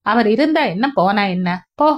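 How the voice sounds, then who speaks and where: A woman's voice: mid-range voice, expressive, normal speed, dull audio, close to an everyday voice. A woman reading the lines of a blunt, irritated middle-aged man in an audiobook, speaking with a raised voice. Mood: annoyed.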